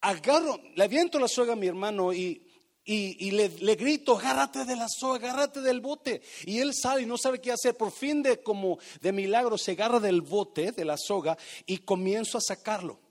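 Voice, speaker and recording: A middle-aged man delivers a sermon from the pulpit. His voice sits high for a man. He tells a personal story with dramatic flair and swells loud on key words. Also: lively intonation, moderate pace. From Mexico. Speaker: pastor.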